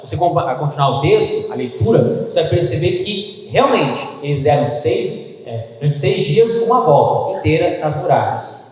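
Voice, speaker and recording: A man preaching a sermon as pastor, animated, acting out little dialogues in playful voices. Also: fairly high pitch, normal speed. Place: church. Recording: echoey church hall.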